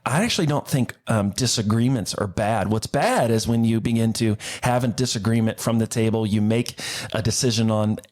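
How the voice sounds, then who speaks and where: A man's voice: lowish voice, moderate pace, a little mellow. A young adult man, a worship pastor, talking in a casual interview in an earnest, upbeat way, often restarting his sentences. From Cincinnati area, Ohio. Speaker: worship pastor, podcast guest.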